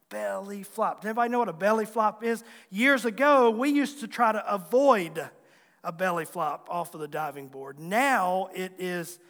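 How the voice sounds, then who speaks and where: A man's voice: high-pitched, a bit bright. A man in his forties, a pastor with a Southwest Virginia accent, preaching a sermon in a folksy, self-deprecating way and joking with his congregation. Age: 40s. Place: church sanctuary. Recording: long hall reverb.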